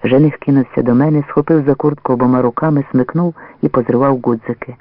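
A man reading a story aloud as a measured, expressive first-person narrator. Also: medium pitch, no room sound. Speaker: audiobook reader. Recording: dry, narrow phone-like lo-fi sound.

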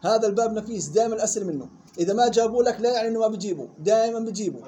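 A man teaching Quran recitation rules to students in a room. He reads the rule text slowly and then explains it in quick colloquial talk. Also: high voice, dark tone. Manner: drills syllables slowly and questions students. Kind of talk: classroom lesson explaining a text.

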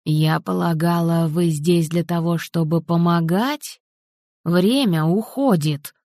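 A woman reading an audiobook, voicing a determined grandmother in her sixties who speaks quietly, measured and firm. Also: lowish voice, no room sound, studio quality. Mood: steely. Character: determined grandmother, cold and steely.

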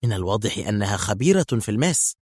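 A cool, composed young woman spy from an audio thriller, voiced by a male narrator. She speaks calmly and plainly in a raised, lighter tone. The sound is dry and close, with no room around it. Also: on the low side, very fast, husky, dry recording, heavily acted. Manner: calm, matter-of-fact.

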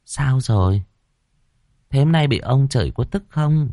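A man's voice: animated, measured pace, dark tone, no room sound, studio quality. A man voicing a frightened, flirtatious wealthy lady who wails shrilly in a horror storybook reading. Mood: teasing. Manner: shrill panicked wailing.

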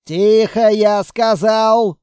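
A man voicing a gruff male squad leader who barks orders loudly in an audiobook. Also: sits high, takes it slowly, no echo, clean studio sound. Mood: commanding.

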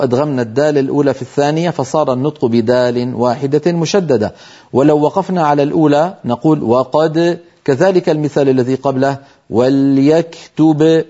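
Male tajweed teacher, scholarly and hesitant with fillers, drawn-out recited examples, dark timbre. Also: medium pitch, husky, highs cut off. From Syria. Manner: explains slowly, then recites example words drawn out. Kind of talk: televised tajweed lesson.

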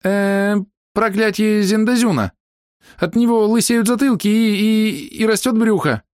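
A man voicing a shrill, squeaky young female thief who shouts indignantly from hiding in an audiobook. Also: unhurried, no echo, clean studio sound. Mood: scaremongering. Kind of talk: audiobook character voice.

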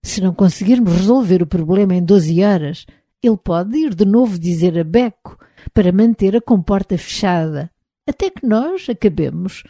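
Give this young Roman engineer a brisk, impatient voice that gives orders in quick bursts, as a woman with a European Portuguese accent reads him in a storybook telling. The tone stays dark and mellow, pitched a touch above her narration. The sound is close and dry. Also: expressive, no echo. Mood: commanding.

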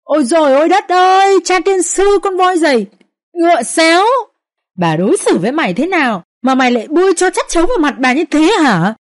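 A woman voicing a furious elderly matriarch who screeches curses and scolds in a shrill, loud voice. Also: expressive, a little fast, dry recording, clean studio sound. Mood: enraged shrieking.

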